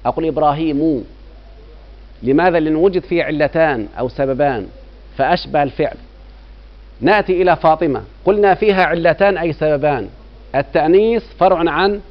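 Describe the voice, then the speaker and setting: Egyptian male grammar teacher, middle-aged, higher-pitched voice, keeps quizzing his class, dull lo-fi sound. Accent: Egyptian Arabic. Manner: keeps quizzing students with rhetorical checks. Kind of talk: classroom lecture. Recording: dull lo-fi recording.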